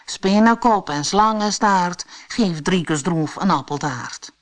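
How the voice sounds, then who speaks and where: A woman voicing a bumbling magical female spider in a storybook, calm and matter-of-fact. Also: lowish voice, takes it slowly. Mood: placid. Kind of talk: audiobook character voice.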